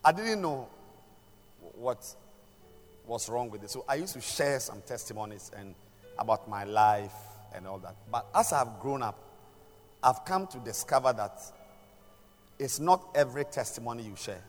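An older man preaching a sermon in a deliberate way, pausing and repeating phrases for emphasis. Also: medium pitch, animated. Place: large church hall during a service. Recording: long echoing hall reverb, music behind.

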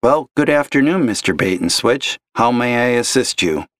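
In an audio story reading, a man voices an upbeat young male customer service agent who stays polite, chipper, and patient with a difficult caller, sounding cheerful yet strained. He pitches his voice slightly above his own, keeping it near an everyday voice, with a medium pitch, lively intonation, normal speed, and a fairly bright tone. The recording is dry and studio quality.

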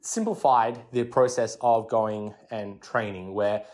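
A man's voice: on the low side, fairly even intonation, unhurried, a little mellow. A man in his thirties talking casually as a solo fitness podcast host, giving coaching tips in short, repeated, conversational phrases. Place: home garage. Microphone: handheld or personal recording device.

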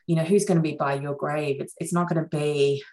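Middle-aged woman surgeon, Sri Lankan-born, low voice, chatty and reflective interview guest. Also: fairly even intonation, a little fast, dark tone, rough recording. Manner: chatty, reflective, frequent fillers. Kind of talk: relaxed interview conversation.

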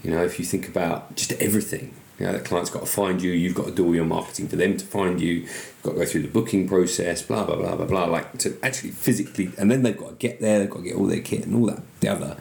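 A man hosting a podcast, chatting casually in a relaxed, rambling way with frequent restarts. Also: sits low, quick pace, vocal fry, hardly any pauses, echoey room. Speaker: podcast host. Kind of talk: casual interview chat.

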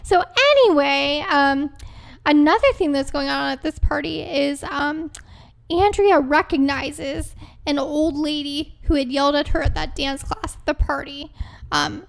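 A woman chats casually on a TV recap podcast, filling her talk with ums and small laughs. Her voice sits high. It also carries a gravelly, fry-laden texture. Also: steady tone, measured pace. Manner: chatty, many ums and laughs. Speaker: podcast co-host. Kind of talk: casual chat recapping a TV episode.

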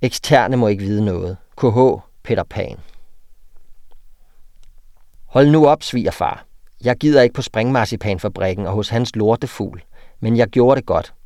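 A man's voice: lowish voice, long pauses, darkish tone, dry recording, clean studio sound. A man with a Danish accent who teaches writing to children. He talks hesitantly with many fillers and reads his students' stories aloud. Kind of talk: interview talk and reading student texts aloud.

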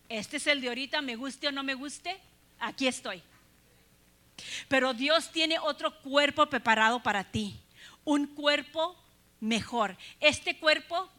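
A woman's voice: high voice, pushed and bright. Earnest woman preacher. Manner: earnest, addresses listeners with rhetorical questions. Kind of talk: sermon.

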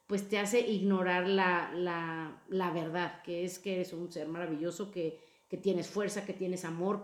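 A woman hosting a casual podcast chat about emotions, talking in an expressive, playful way. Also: mid-range voice, reverberant. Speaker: podcast host.

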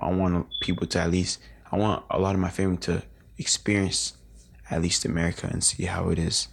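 Low, gravelly, and slightly rough, this late-teen guest's voice carries a casual interview in which he meanders through recollections. His speech is full of fillers and false starts.

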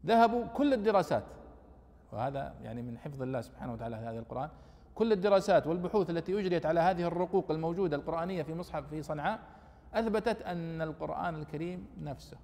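Brisk animated Arabic lesson teacher, reverberant hall. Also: male voice, on the high side. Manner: animated, rising emphatically on quoted verses. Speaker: teacher of Quran exegesis. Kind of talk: classroom lesson commentary.

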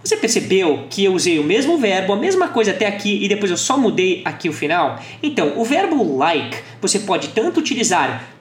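A woman teaching English to Portuguese speakers, slowing down her model phrases for the listener to repeat. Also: mid-range voice, big pitch swings. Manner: slow, drawn-out model phrases for repetition. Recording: echoey room with faint music.

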